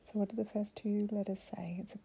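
A woman with a husky voice, prompting and encouraging a small child through reading in a casual way. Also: medium pitch, steady tone, fast talker, warm tone, rough recording. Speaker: adult helping a young child learn to read. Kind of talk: casual coaching of a beginner reader. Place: indoors at home, cluttered room.

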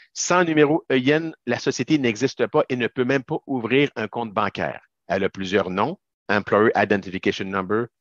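A man's voice: medium pitch, no echo, highs cut off. A man from Quebec with a Québécois accent, giving an emphatic, chatty webinar presentation to business owners over a video call. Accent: Québécois French. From Quebec, Canada. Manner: emphatic, chatty with informal asides. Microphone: video call webcam.

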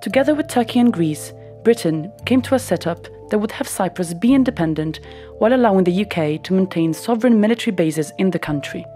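A woman giving scripted documentary narration in an even, explanatory manner. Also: medium pitch, fast, faint music behind.

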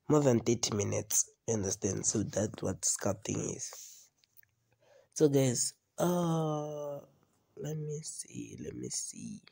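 Hosting a relaxed trading tutorial over a screen recording, a man with a cold often says things twice and asks "you understand?" His medium-pitched voice carries vocal fry and a dark tone, captured in a dry recording.

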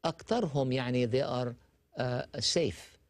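A man's voice: medium pitch, a little slow, gravelly, dry recording. A man, a doctor explaining treatments as a guest in a TV studio, mixing in English medical terms. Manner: explanatory, gestures while talking, mixes in English terms. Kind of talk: medical talk show discussion.

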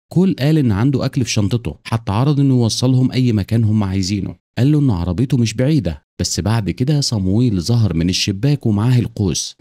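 Fast Egyptian man narrating, dry close sound. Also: mid-range voice, dark tone, no echo. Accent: Egyptian Arabic. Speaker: film recap narrator. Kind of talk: scripted narration.

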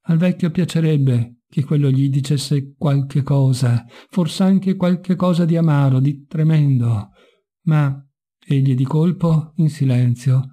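Man, audiobook narrator, slightly higher pitch, dark mellow tone, measured dramatic reading. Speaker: audiobook reader.

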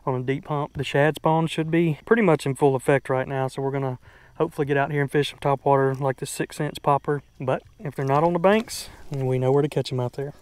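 A man chats casually to the camera for his fishing vlog from a small boat on a lake, folksy and addressing viewers as folks. His mid-range voice is steady, smooth, a bit mellow and a little quick, recorded dry on an action camera worn on or near him that also captures outdoor noise.

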